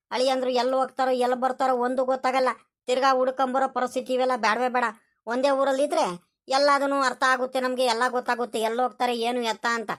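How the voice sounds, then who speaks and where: A woman's voice: a little high, a bit bright, natural voice. A woman voicing a worried, pleading older village father in a cartoon.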